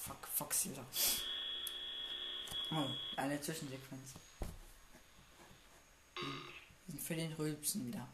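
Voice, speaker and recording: A man's voice: fairly high pitch, fairly even intonation, slow pace, long pauses. Guy muttering thru a horror game, jumpy, swears under his breath, echoey room w/ noise + clicking. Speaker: gamer playing a horror game. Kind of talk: casual let's-play commentary.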